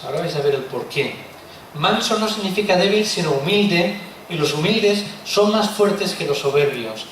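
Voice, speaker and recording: Preacher in an echoey hall. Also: male voice, fairly high pitch. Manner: expressive, rhetorical questions, tag words like "¿eh?". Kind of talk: sermon. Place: church hall. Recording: echoey room from far off, faint noise.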